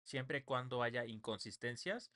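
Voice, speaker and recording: A man's voice: mid-range voice, unhurried, bright, forceful tone. Man teaching a live online class. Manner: explanatory, frequent tag questions. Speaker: online workshop instructor. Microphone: computer mic on a live stream.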